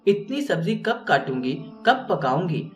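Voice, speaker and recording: A man voicing a meek, obedient young bride who speaks softly and dutifully. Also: high voice, sing-song, unhurried. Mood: weary. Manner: soft, dutiful and yielding. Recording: roomy, distant mic, faint music.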